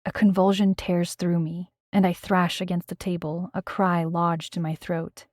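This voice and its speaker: A woman's voice: on the low side, flat delivery, a little slow, darkish tone, no room sound, clean studio sound. A woman narrating a first-person audiobook in a tense, dramatic storytelling manner.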